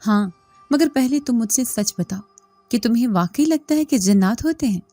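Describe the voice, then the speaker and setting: A woman voicing a lively young college friend who teases and laughs, in a storybook reading over a dry recording with faint music. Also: a little high, normal speed, no room sound. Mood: teasing. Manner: bubbly, laughing.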